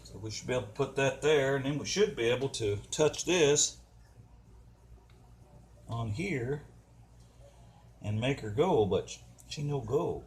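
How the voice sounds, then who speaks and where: In a very noisy-free but slightly noisy setting, an older US man narrates his own repair as a DIY video host, muttering casually and colloquially in a folksy way. His mid-range voice is animated yet measured, with frequent pauses.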